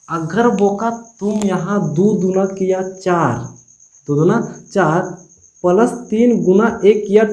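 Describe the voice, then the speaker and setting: A man's voice: high voice, a little mellow. A man from Jharkhand teaching a math lesson in casual Hindi, asking and answering his own questions with a teasing manner. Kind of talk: casual classroom tutorial. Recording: echoey room.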